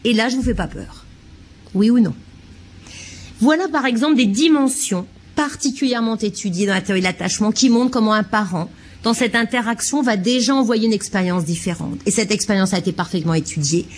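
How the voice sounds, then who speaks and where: A woman's voice: mid-range voice, brisk, slight background noise. A child psychiatrist giving a lecture to childcare staff, a woman who talks expressively and acts out short examples.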